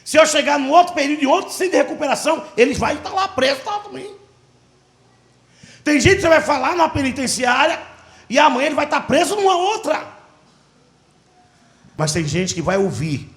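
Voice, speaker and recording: A man with a Brazilian Portuguese accent, a pastor preaching a sermon and telling a story with animated, dramatic delivery. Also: sits high, creaky, roomy sound.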